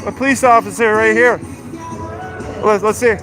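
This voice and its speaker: A man's voice: high-pitched, fairly even intonation, normal speed, music in the background, a crowd in the background. A man livestreaming outdoors, talking in an agitated, combative way, swearing and repeating himself. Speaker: live streamer. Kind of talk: live street vlog, confrontational talk. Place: outdoors on a city street. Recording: noisy outdoor street livestream. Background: loud street and vehicle noise.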